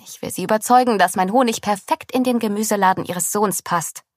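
A woman voicing a cheerful, proud honey-selling woman in a storybook, talking in a bright and lively way. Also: mid-range voice, brisk, no echo, studio quality, lightly acted.

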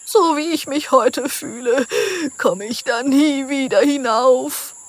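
A woman's voice: fairly low pitch, drawn-out words, gravelly, fairly bright tone, slightly rough, no echo, heavily acted. A woman voicing a big striped jungle animal that talks in a weepy, whining way in a storybook reading. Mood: whiny. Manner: whiny, groaning, sorry for itself.

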